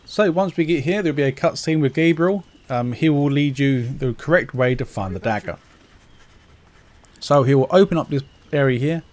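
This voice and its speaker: A man narrates a game walkthrough in a relaxed, informal way, breaking things down step by step in plain terms. His medium-pitched voice has a darkish tone and a moderate pace, with game music in the background.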